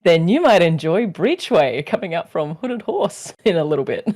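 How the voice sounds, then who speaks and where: A person in their thirties with an Australian accent, co-hosting a casual podcast chat as a lively storyteller who acts out the people in their stories. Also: mid-range voice, moderate pace. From South Australia. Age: 30s. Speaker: podcast co-host.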